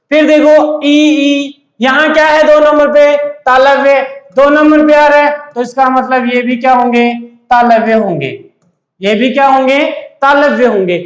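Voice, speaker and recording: A man with a very high, fairly bright voice delivers an exam-prep lecture in an echoey room. As a teacher, he keeps posing questions and answering them himself in a repetitive call-and-answer style.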